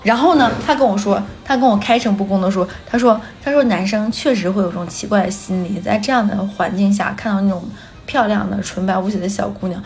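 Fast-talking woman podcast co-host. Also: mid-range voice, soft background music. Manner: lively storyteller who acts out quoted dialogue and laughs often. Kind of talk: casual chat. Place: radio studio.

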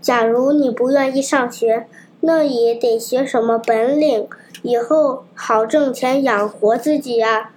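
A woman reading a storybook, voicing a wise old talking cicada who lectures calmly. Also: a little high, unhurried, natural voice. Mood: calm, admonishing. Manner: calm, lecturing.

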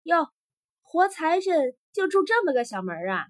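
A woman voicing a rough male soldier who mocks and threatens, in a storybook tale. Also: extremely high pitch, lively intonation, fast talker, fairly bright tone, no echo, clean studio sound, voice pushed up. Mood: mocking. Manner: mocking and gruff.

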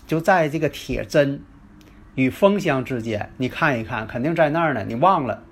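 A man voicing a patient old fortune-telling master in a story, speaking calmly and instructively. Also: mid-range voice, moderate pace.

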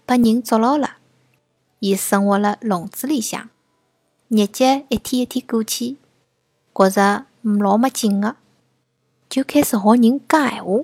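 A woman with a Shanghai accent, telling a children's story as a lively scripted host. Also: fairly high pitch, breathy edge, no echo. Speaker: host and storyteller of a children's family education show. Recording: music bed behind the voice. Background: music.

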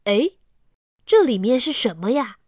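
A woman voicing a schoolboy from the next class who speaks up loudly in a children's storybook. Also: on the high side, big pitch swings, a little slow, dry recording, studio quality. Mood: curious. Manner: loud, stomping protest. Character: curious boy who turns angry.

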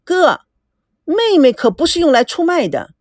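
A woman voicing a mischievous younger sister who mocks in a bright, cheeky way. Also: high voice, wildly swooping pitch, unhurried, no room sound, clean studio sound, voice pushed up, exaggerated voice.

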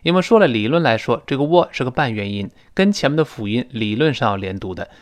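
Man, Mandarin Chinese accent, English teacher, mid pitch, patient explanations, slow modelled phrases. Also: expressive. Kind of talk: spoken English lesson.

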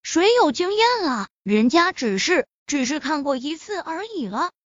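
A woman's voice: very high voice, very animated, normal speed, fairly bright tone, no room sound, lo-fi sound, exaggerated voice. A woman reading the part of a bashful, playful young woman in an audiobook. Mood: teasing. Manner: teasing, bashful.

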